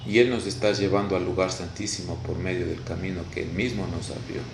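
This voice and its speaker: A low, gravelly-voiced Ecuadorian man preaching a video sermon. He speaks haltingly, restarting phrases and repeating his words. His voice rings in an echoey room over a faint hiss of noise. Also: steady tone. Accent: Ecuadorian Spanish. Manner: halting, repeats words, frequent "Gloria a Dios".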